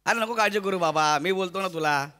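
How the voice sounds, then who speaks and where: A man playing a homeowner in a stage comedy sketch, teasing his maid with quick banter. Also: sits high, sharp tone.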